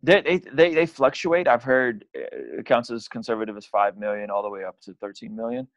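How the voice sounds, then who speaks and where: This young Azerbaijani podcast guest has a medium-pitched, expressive voice and talks a little fast in a dry recording. The interview chat is casual and rambling, full of restarts and frequent "you know" and "like."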